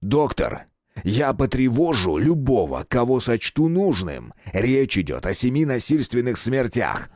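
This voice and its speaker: A man voicing a gruff police detective who barks curt, commanding orders. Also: mid-range voice, very animated, moderate pace, hardly any pauses, no echo, clean studio sound, voice pushed up, close to an everyday voice. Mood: commanding, stern.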